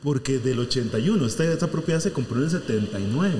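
Animated man telling a story in an echoey room. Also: medium pitch, quick pace. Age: 40s. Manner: animated, acts out quoted voices. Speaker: camp administrator. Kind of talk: casual storytelling chat. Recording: echoey room with long reverb.

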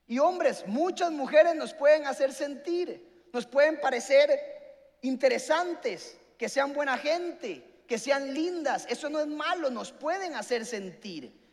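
High-voiced preacher in a hall. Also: male voice, animated, takes it slowly. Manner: preaching, asks the congregation questions. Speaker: pastor. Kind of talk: sermon. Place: church hall. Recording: long hall reverb with faint music.

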